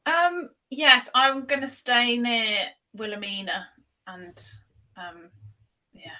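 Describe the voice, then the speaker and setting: A woman playing in a tabletop game speaks in a bright, somewhat high voice. She is hesitant and trails off as she explains her character's actions. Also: expressive, slow pace, poor audio. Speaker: player.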